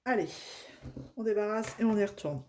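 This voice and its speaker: A craft vlogger from northern France, with a Northern French accent, chats casually at home while working on a craft project. Her mid-range, darkish voice moves at a moderate pace, full of fillers and restarts.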